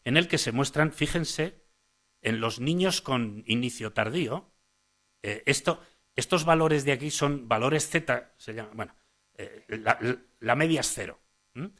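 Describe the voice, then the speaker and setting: A man gives a conference lecture on early speech, speaking at an average pitch for a man. He talks in a hesitant way, restarting phrases and checking in with "eh?" tags. He points listeners to the slides as he goes. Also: unhurried, fairly bright tone. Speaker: speech-language psychologist giving a conference talk. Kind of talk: conference lecture to parents and professionals.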